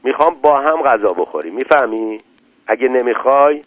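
A man's voice: lowish voice, animated, husky, no room sound. A man voicing a young wife who is sulky, hurt and coaxed into laughter, in an old radio story. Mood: upset. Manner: soft and hurt, pleading. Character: young wife, sulky then tearful and playful. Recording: tinny dry lo-fi radio recording.

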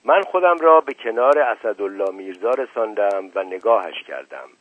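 A man reading a novel aloud on a radio program in a measured, expressive storytelling voice. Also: lowish voice, no room sound. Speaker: radio book reader. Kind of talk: literary audiobook reading. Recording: dull lo-fi radio recording.

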